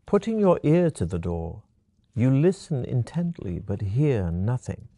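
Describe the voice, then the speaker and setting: A man narrating a fantasy gamebook adventure in the second person, in a measured storytelling manner. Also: mid-range voice, sing-song, dark tone, dry recording.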